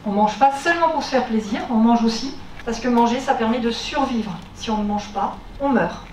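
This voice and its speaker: A woman's voice: fairly high pitch, normal speed, darkish tone. A woman giving a public lecture through a face mask, explaining step by step with hesitant rephrasing and frequent check-ins with her listeners. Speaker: lecturer on health, pain and diet. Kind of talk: spoken public lecture to an audience. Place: university lecture room. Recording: echoey room, distant mic, background noise.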